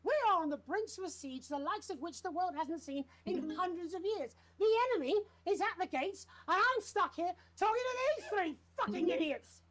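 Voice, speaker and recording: An actor playing a bitter, unhinged TV news anchor in a video game, with a British accent and a commanding, theatrical, sardonic manner. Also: male voice, very high-pitched, lively intonation, moderate pace, hardly any pauses, a bit bright, a little hiss or hum. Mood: exasperated rage. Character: unhinged, bitter male TV news anchor holding studio hostage. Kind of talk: dramatic live-broadcast acting.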